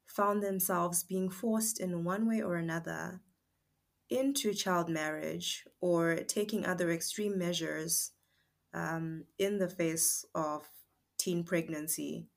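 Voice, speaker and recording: A woman with a Zimbabwean accent co-hosting a podcast, speaking in a thoughtful, measured way. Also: fairly low pitch, creaky. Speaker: podcast co-host. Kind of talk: casual discussion.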